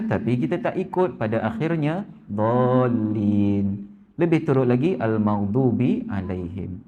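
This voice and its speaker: A man gives a Malay evening sermon in his local mosque's prayer hall, speaking with a Malaysian Malay accent, turning often to the congregation, and lifting his pitch to play the voices in his stories. His voice sounds mellow, and the highs are cut off.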